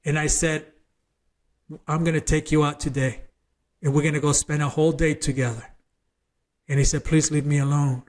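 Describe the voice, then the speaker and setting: A man's voice: fairly high pitch, steady tone, normal speed, pauses often. A man who is a former gang member, a guest on an interview show, tells his personal testimony as a story, earnest and emphatic, often repeating words as he builds up.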